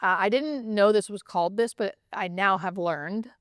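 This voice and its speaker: With a mid-range voice at a normal speed, this woman speaks in a clean, echo-free studio recording. She's a hospice nurse being interviewed, and her storytelling is casual and emphatic, full of repetition and frequent "right?" check-ins with the listener.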